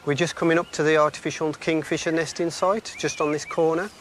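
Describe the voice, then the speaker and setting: Guy being interviewed outside, talks fast, informal expert, bit of noise. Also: on the high side, flat delivery. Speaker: ecologist interviewee. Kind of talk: informal on-location explanation. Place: outdoors on a canal.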